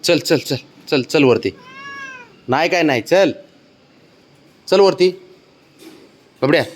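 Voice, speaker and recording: A man coaxing and pleading with his pet cat in a casual, affectionate pet-talk voice, his calls often rising high and sing-song, recorded outdoors. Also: slow. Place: outdoors below his home.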